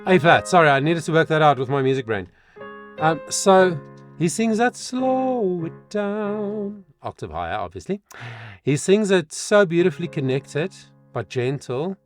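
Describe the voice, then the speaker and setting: A man's voice: fairly high pitch, expressive, normal speed, soft background music. A middle-aged man working as a vocal coach, analysing a song and breaking into short sung demonstrations.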